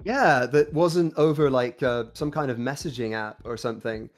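A man's voice: medium pitch, normal speed, faint music behind. A young man from Kuwait, a band singer, chatting casually as a podcast guest and reminiscing. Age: young adult.

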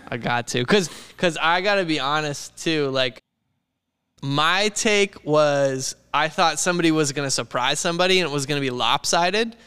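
A man's voice: on the high side, moderate pace, pushed and bright, clean tone. A man chatting casually about sports as a podcast co-host, recorded in a reverberant room.

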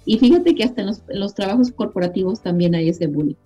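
Mellow-voiced Mexican woman, encouraging guest. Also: medium pitch, expressive, fast talker, husky, dull audio, faint music behind. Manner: earnest, proud, encouraging, speaks frankly. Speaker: guest author. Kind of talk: casual radio interview.

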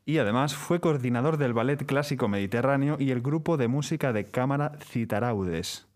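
A man's voice: medium pitch, normal speed, a little mellow. A man co-hosting an interview, reading out a guest's background with care and asking questions. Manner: reads carefully, stumbles on names. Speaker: co-host.

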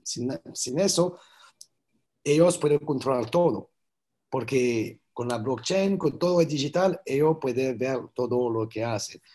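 A filmmaker who isn't a native Spanish speaker gives a casual interview in Spanish with a foreign accent, speaking earnestly, repeating words and slipping on grammar as he hunts for them. His voice is mid-range with a dark tone.

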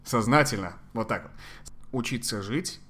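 A man giving conversational psychological advice as a podcast guest, sometimes halting to search for Russian words. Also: mid-range voice, animated, fairly bright tone.

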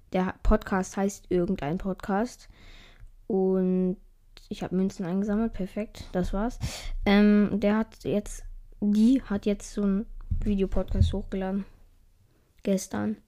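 A young woman casually commentates as she plays a mobile game, swearing lightly each time she fails. Her mellow, slightly hoarse voice cracks now and then, and although her tone is steady and a little slow, her pitch keeps drifting up high at the ends of phrases.

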